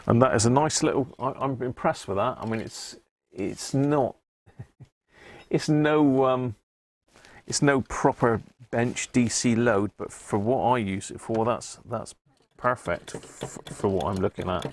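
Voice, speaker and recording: This man has a medium-pitched voice and an unhurried pace, with slight background noise around him. He's hosting a casual live repair stream, chatting and thinking aloud at an indoor electronics workbench.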